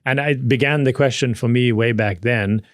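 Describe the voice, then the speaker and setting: A man's voice: mid-range voice, normal speed, no room sound, studio quality. A man of around sixty with a Maltese accent, speaking conversationally as an interview guest and telling personal stories in a self-deprecating way. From Malta. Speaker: podcast guest.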